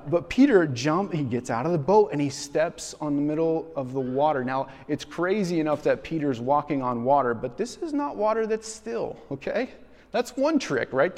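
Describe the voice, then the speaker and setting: A man preaching a sermon as pastor, telling a story with lively acted-out quotes and frequent repeated words. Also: mid-range voice. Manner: animated storytelling, acting out quoted voices. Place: large room in a school. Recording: long hall reverb.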